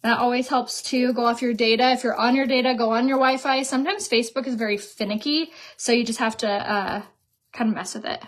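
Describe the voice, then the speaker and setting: A woman's voice: a little high, fairly even intonation, fairly quick. Chatty woman selling makeup on a live stream. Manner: chatty, giggly, salesy. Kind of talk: casual live-stream sales chat.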